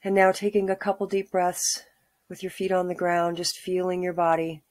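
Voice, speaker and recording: A middle-aged woman leading a calm guided grounding exercise, giving soothing, unhurried instructions with pauses. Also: on the low side, dry recording. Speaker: meditation guide. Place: small room at home, indoors.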